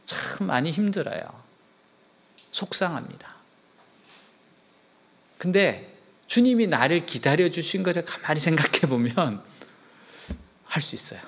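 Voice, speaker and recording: Animated preaching man with whispered asides. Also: on the high side, measured pace, vocal fry, pauses often, slightly rough. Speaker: professor preaching to an audience. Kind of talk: sermon with storytelling.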